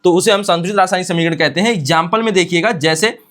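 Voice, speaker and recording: A man teaching a science class, asking questions and answering them himself, and repeating definitions slowly for dictation. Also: high voice, fairly bright tone. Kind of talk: classroom lecture.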